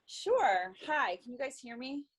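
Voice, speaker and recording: On a video call, a woman with a high, sing-song voice and a slightly slow pace casually recaps a conversation from a workshop she attended, with slight background noise. She comes across as earnest and hesitant, restarting her sentences many times.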